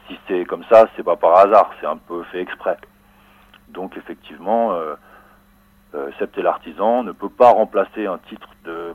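A man, a rapper answering interview questions in a relaxed way, with many fillers and restarts. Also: low voice, no echo. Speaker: rapper guest. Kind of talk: casual radio interview answers. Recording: phone-like narrow dry line.

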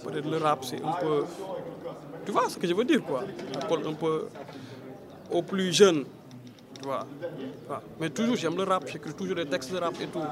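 This casual interview features a Senegalese rapper and reggae artist in his thirties, whose fairly high, expressive voice moves at a moderate pace with frequent pauses. He finishes phrases with "quoi" while crowd chatter carries on outdoors behind him.

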